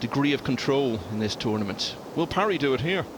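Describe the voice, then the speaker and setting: A man's voice: mid-range voice, lively intonation, a little fast, background noise. A man giving golf commentary as the lead voice, informative, setting out scores and player records.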